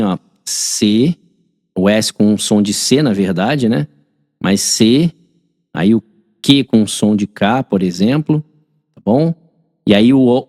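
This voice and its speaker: A man's voice: medium pitch, a little mellow, no room sound, studio quality, long reverb tail. A man with a Brazilian Portuguese accent, correcting a mock exam in an online class and checking in with his students constantly. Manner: chatty, asks the class constant check-in questions. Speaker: teacher.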